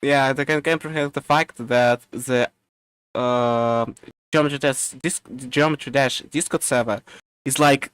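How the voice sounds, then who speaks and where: Halting man with a smooth voice. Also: mid-range voice, fairly even intonation, fairly bright tone, no echo. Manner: halting, many fillers and restarts. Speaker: podcast co-host. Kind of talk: casual chat.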